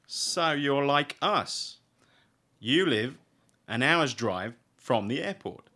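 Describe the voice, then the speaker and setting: Casting: man doing jovial uncle, bright, slow, joking. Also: mid-range voice, lively intonation, pitched above the performer's own voice, heavily acted. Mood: friendly.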